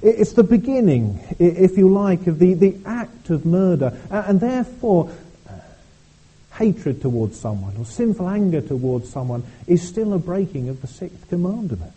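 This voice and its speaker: A man's voice: high voice, big pitch swings, warm tone, husky, low-quality recording. A man preaching a sermon at a church service, speaking earnestly and often repeating words as he goes. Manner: earnest, halting delivery with frequent repeated words.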